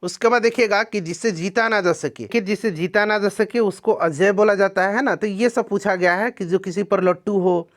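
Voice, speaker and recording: A man with a fairly high voice walks students through exam questions one at a time. He explains each answer patiently and keeps checking in with his listeners. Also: moderate pace, few pauses. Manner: explanatory, repeats "ठीक है ना" to check in. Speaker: exam coaching teacher.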